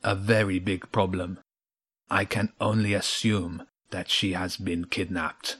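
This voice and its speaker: A man reading a talking cat's lines in a soft, measured voice. It sounds grave and calm, a shade lower and quieter than the narration. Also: husky, no echo, exaggerated voice.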